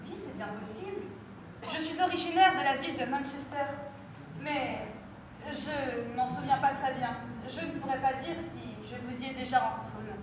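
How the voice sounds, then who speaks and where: A woman's voice: high voice, normal speed, noisy background, lightly acted. A teenage girl playing a prim English lady in an amateur stage performance, exclaiming with exaggerated surprise, heard from far off in an echoey hall. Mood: astonished. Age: teens.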